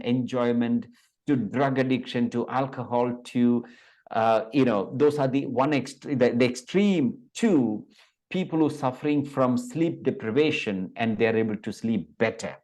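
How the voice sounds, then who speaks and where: A man in his fifties from India talks as a Vedanta teacher in an interview over a video call. He speaks hesitantly, with many fillers and restarts, in a voice of middle pitch. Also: a little mellow.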